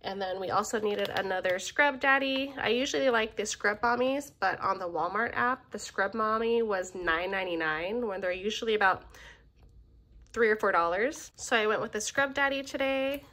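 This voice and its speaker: A woman in her thirties talks through her groceries at a kitchen table in a bright, clear tone of middling pitch. She sounds a little under the weather but stays relaxed and friendly, with plenty of ums. The sound is close phone-camera audio from home. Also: moderate pace. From Filipino family. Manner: relaxed, friendly, frequent "um" fillers. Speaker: vlogger showing a grocery haul. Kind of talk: casual chatty haul commentary.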